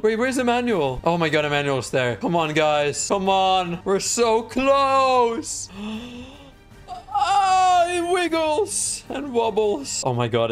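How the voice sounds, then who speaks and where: A young man giving excitable, panicky commentary while playing a game, often yelping and shouting in alarm. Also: high voice, clear, resonant tone. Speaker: gaming channel host. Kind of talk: live gameplay commentary.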